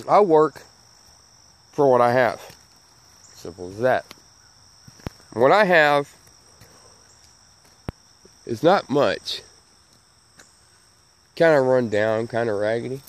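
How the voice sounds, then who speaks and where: A man's voice: medium pitch, lively intonation, takes it slowly, pauses often. A man with a Southern US accent and missing front teeth, giving a folksy, emphatic opinion rant to camera, repeating his phrases. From Southern United States. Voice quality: missing front teeth, slightly slurred sibilants. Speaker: channel host.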